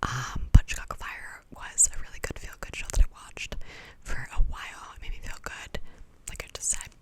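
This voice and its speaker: A woman doing a fast whispered ASMR ramble in a breathy, clicky whisper, casual and slangy, wandering from thought to thought. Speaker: ASMR video creator.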